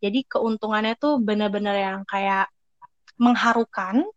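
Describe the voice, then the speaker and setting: A young woman giving casual career advice in a chatty, quick way, acting out little quoted thoughts. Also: medium pitch, fairly even intonation, clear, resonant tone, no echo. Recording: dry, slightly dull lo-fi sound.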